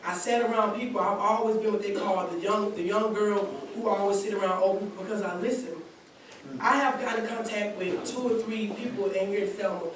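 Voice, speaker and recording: At a community seminar held in a large church hall, a woman in her twenties, a college student, earnestly shares her personal testimony in long run-on sentences. Her medium-pitched voice is brisk with fairly even intonation. The audio is very echoey, captured from a distance with background noise.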